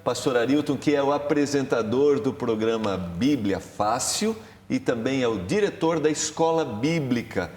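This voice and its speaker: A man's voice: moderate pace, few pauses. A man, a pastor, hosting a Bible study program in a TV studio with emphatic, rising delivery. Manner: warm, emphatic host with lively pitch rises. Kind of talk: religious TV studio talk. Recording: roomy studio with long reverb.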